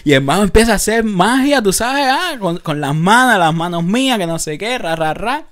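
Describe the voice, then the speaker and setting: A young man from Cuba with a Havana accent, telling lively anecdotes on a casual podcast with lots of street slang. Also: high voice, normal speed. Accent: Cuban, Havana. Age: young adult. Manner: animated anecdotes with frequent laughter and street slang. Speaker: podcast co-host. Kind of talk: casual chat, storytelling.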